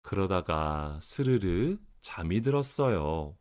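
A man reads a children's story as its narrator. The delivery is slow and expressive, with wide pitch movement and very deliberate, over-enunciated articulation.

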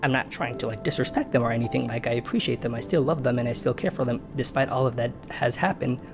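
A young man from Minnesota sits indoors for an interview and speaks in an earnest, measured way at an ordinary middle pitch. A clear music bed runs beneath his voice throughout. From born in Kenya, raised in Minnesota, United States. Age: young adult. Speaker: interviewee telling his personal story. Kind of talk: documentary interview testimony. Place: indoor room with a lamp, seated.

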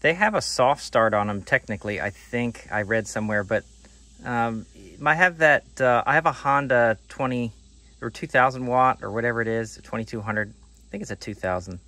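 A DIY channel host in his forties speaks at medium pitch and moderate pace, his voice pushed and bright. Recorded close on a phone camera outdoors on gravel and in a workshop, he casually talks through a hands-on tool test, thinking aloud with restarts.

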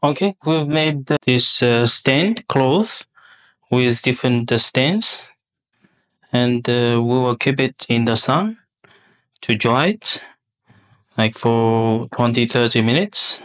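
Slow, halting man demonstrating a lab test. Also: medium pitch, fairly bright tone. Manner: halting, many fillers and restarts. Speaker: product demonstrator.

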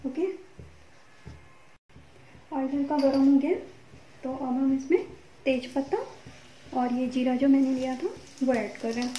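A woman's voice: high voice, steady tone, measured pace, pauses often, slight background noise. A woman hosting a home cooking tutorial, walking through each step in a chatty way and often saying "okay". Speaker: cooking channel host. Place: home kitchen at a gas stove. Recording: echoey kitchen with loud sizzling.

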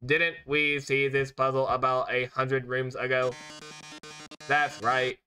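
A man's voice: medium pitch, flat delivery, sharp tone, soft background music. A man doing a put-on robot voice for a showy, taunting male robot TV host during gameplay commentary. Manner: theatrical, mocking, drawn-out taunts.

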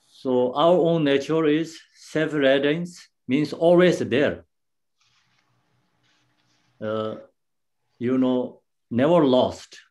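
Male Buddhist teacher, dharma teaching; unhurried, halting delivery with frequent pauses, simple non-native English phrasing, medium pitch. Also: darkish tone. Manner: halting, unhurried explaining with many pauses and restarts.

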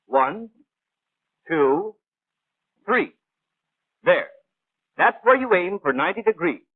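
In a 1940s animated wartime training film, a high-voiced male gunnery instructor narrates slowly in precise, clipped phrases with a very lively rise and fall. Brisk and know-it-all, he is patient but exacting, heavily acted in an instructive mood. His voice is slightly rough, and the recording is dry, thin and band-limited with phone-like quality.

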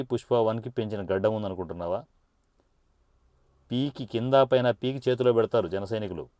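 A man from Andhra Pradesh rants with scorn straight at his target, taunting and threatening him as he goes. His voice sits low and mellow, and it was recorded close and dry, with no room sound. He sounds like a heated party supporter laying out warnings. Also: no echo. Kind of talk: angry direct-address rant.

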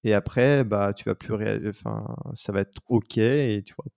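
A man hosting a podcast interview in a relaxed, chatty way, often stumbling and repeating words. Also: lowish voice, normal speed, gravelly, clear, resonant tone, no room sound, clean studio sound. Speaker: podcast host. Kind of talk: casual interview chat.

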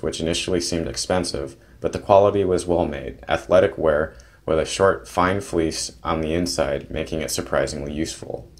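A young man narrating a travel diary in a plain, detailed way, with small restarts. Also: low voice. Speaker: vlogger narrating a trip.

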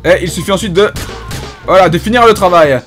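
Faint music plays behind a man whose voice sits high, brisk and a bit bright. A gaming YouTuber, he voices a bumbling, pompous police inspector with a French accent, hesitating with fillers through mock-solemn comic commentary on a game.

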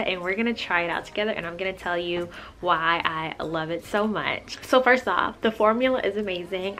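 A woman's voice: medium pitch, bright, forceful tone. A young woman, vlogging at home and chatting upbeat and casually to the camera, calling her viewers y'all. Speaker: lifestyle vlogger. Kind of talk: casual vlog talk to camera. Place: bright home living room.

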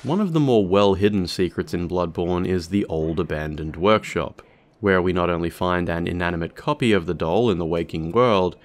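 A man with a deep voice narrates an explanatory video. His delivery is scripted, measured and formal.

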